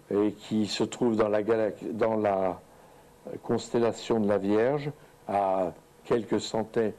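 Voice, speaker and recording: Halting French-speaking man lecturing. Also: on the low side, mellow, rough recording. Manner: hesitant, halting with many fillers and restarts. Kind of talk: seminar lecture with slides. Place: lecture room.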